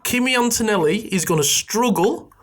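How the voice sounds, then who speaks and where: A man's voice: high voice, animated, normal speed. A young man co-hosting a podcast in casual chat, playful and teasing as he makes bold calls. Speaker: podcast co-host.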